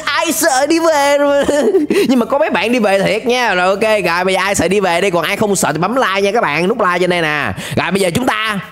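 A young adult man with a southern Vietnamese accent hosts playful reaction commentary, exclaiming and dropping English interjections into a close desk microphone. His voice is high and a bit bright, quick with few pauses, in a small indoor streaming setup with music behind him.

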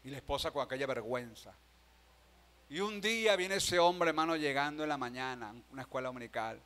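A man with a Venezuelan Spanish accent preaching a sermon in a church, moving between quiet storytelling and loud, shouted calls to the congregation. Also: medium pitch, animated, fairly quick, clear, resonant tone. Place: church sanctuary.

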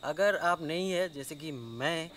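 Talking casually to the camera, a young Bengali-speaking man walks through a motorcycle task step by step, hesitating often with fillers. He speaks slowly in a fairly high, fairly bright voice, with slight background noise. The clip moves from a yard outdoors to a small indoor room.

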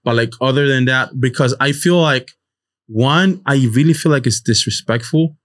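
A man hosting a podcast in casual chat, talking haltingly with many restarts. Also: medium pitch, fairly bright tone. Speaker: podcast host.

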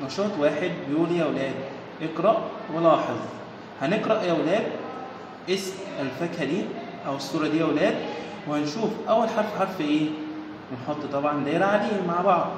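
A man's voice: fairly high pitch, very echoey, in a large hall, slight background noise, rough recording. A man with an Egyptian accent, teaching a remote primary-school lesson, patient and repetitive, talking to the children directly and praising them often. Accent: Egyptian Arabic. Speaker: Arabic teacher.

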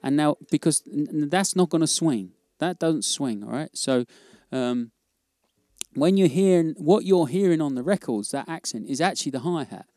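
A man teaching jazz drumming in a casual, relaxed way, often checking in with "okay?". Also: fairly high pitch, moderate pace, no echo. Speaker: drum teacher. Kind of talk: casual instructional demo.

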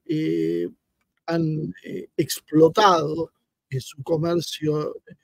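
Gravelly-voiced Argentine man analyzing. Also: a little high, very animated, very slow, no echo. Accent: Argentine Spanish. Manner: hesitant, many fillers. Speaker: political analyst. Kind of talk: live-streamed analysis.

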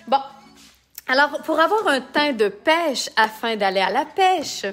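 A woman's voice: high-pitched, very animated, a little slow. A woman with a Québécois accent, chatting and joking while she demonstrates makeup in a casual live tutorial and reads out viewer comments. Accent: Québécois French. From Quebec.

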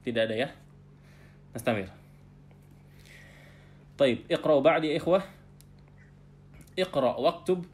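A man teaching an Arabic class online, patiently explaining terms and often ending phrases with a soft tag. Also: mid-range voice, expressive, slow, pauses often. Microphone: video call.

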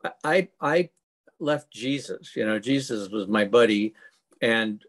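A man's voice: on the low side, lively intonation, a little slow. A man co-hosting an interview, talking thoughtfully with many casual fillers. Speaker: co-host. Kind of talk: conversational interview.

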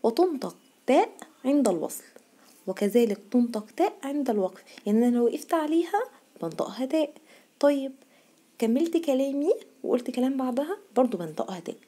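A woman teacher with an Egyptian Arabic accent explains a grammar lesson to young children. Her voice is slightly high, but very dark and soft in tone, with a husky, breathy edge. She repeats the questions patiently and answers in the pupils' voice. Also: sing-song, fast. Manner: patient, quizzes the class, then answers in the pupils' voice. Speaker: primary school teacher.

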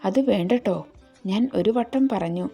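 A woman's voice: medium pitch, normal speed, warm tone, slightly rough, soft background music. A woman voicing an ardent young man who insists on his love in a storybook reading, speaking tenderly and firmly. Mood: ardent, insistent.

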